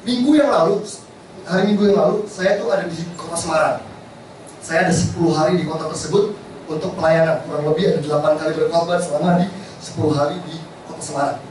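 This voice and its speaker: A man preaching a sermon to a congregation, telling stories in a lively, conversational way. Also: on the high side, fast talker. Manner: lively storytelling, addresses congregation as Bapak Ibu. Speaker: pastor. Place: large church hall. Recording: echoey hall, distant mic, background noise.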